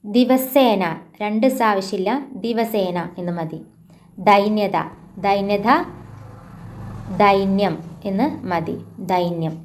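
Woman, Malayali accent, exam-prep language lesson, repeats words slowly, casual asides, mid-pitched voice. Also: a little mellow, a little hiss or hum. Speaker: teacher.

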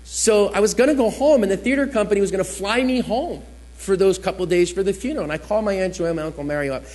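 Telling a sermon as a chatty personal story, a fairly high-voiced man from New Jersey takes on the voices of those he quotes. He talks at a quick pace with a darkish tone.

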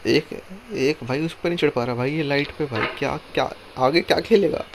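A hoarse man giving casual gameplay commentary, pleading with and scolding his game character and counting one, two, three before each move. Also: fairly high pitch. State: hoarse throat. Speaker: gameplay streamer. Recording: noisy recording with mouse clicks.

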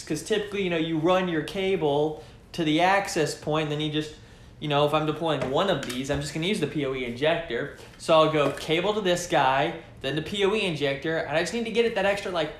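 A man's voice: on the high side, reverberant, slight background noise. A young man chatting casually to the camera from his living room couch, enthusiastic and thinking aloud as he unboxes tech gear. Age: young adult. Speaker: tech vlogger.

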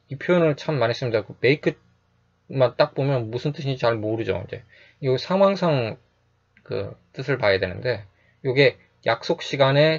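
A man teaching English phrases in a calm, explanatory lecture, repeating each phrase slowly and often adding a short "yes". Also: mid-range voice, highs cut off.

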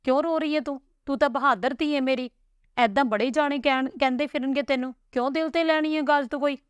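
A woman reading the part of a gentle older father who comforts his daughters in a tender, reassuring way. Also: sits high, steady tone, quick pace, dry recording, lo-fi sound, pitched above the performer's own voice, close to an everyday voice. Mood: consoling.

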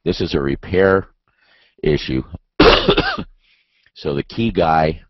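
A man presenting a webinar on aircraft maintenance, his voice raspy from a bad cold, speaking hesitantly with many restarts. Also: extremely low pitch, slow pace, no echo, lo-fi sound. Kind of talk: webinar answer, explaining.

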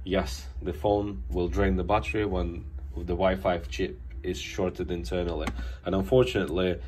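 Deep-voiced and congested from a cold, a man casually explains a phone repair at his workbench, recorded on a phone camera held above it. His delivery is flat, plain and explanatory with some restarts, at a moderate pace and darkish tone, with slight background noise.

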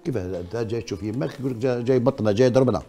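A man's voice: mid-range voice, rapid-fire, warm tone, faint music behind. An older man with an Algerian accent hosting a studio talk show, asking insistent, probing questions and often repeating them.

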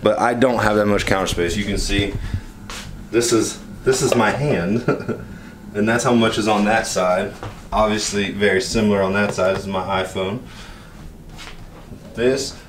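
Fairly low-pitched and unhurried, a young adult vlogger chats loosely through a cooking tutorial in his small home kitchen, wandering off track and fixing his own mistakes. He records on a handheld camera held at arm's length, with a little hiss or hum audible.

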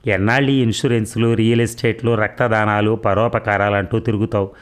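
A man voicing a sharp-tongued, anxious housewife in her sixties who scolds and mocks in a sarcastic way. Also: fairly low pitch, little pitch movement, brisk, clean tone, close to an everyday voice. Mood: scolding, worried.

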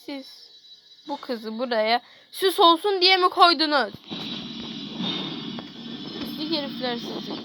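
A woman's voice: high voice, expressive, slow pace, pauses often, pushed and bright, a little hiss or hum, poor audio. A young woman commentating her gameplay, frustrated, swearing and pleading with the game to give her what she wants. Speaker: gamer.

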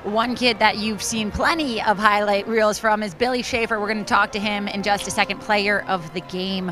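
A woman's voice: medium pitch, fairly even intonation, moderate pace. Young woman interviewing on the sideline. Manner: polished, friendly questioning. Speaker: sideline reporter. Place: outdoors on a football field at night. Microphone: handheld mic. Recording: outdoor broadcast with music bed.

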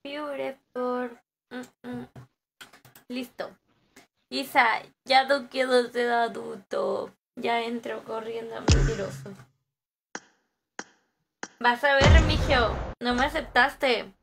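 A woman's voice: fairly high pitch, steady tone, takes it slowly, gravelly, long pauses, faint music behind. A young woman, chatting casually on a game stream, joking and greeting viewers as she reads their messages. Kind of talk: casual live-stream chat.

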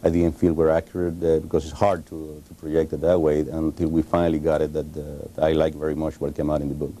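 A Cuban-accented man in his forties, a Spanish speaker, answering in a TV studio interview, halting with many pauses and restarts, on a lapel mic. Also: a bass voice, monotone, mellow, a little hiss or hum. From Cuba. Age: 40s. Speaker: interview guest, author.

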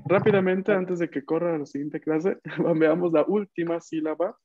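A man's voice: fairly high pitch, steady tone, moderate pace, dry recording, narrow, tinny audio. A man teaching a Japanese class online, patiently counting out strokes as he writes.

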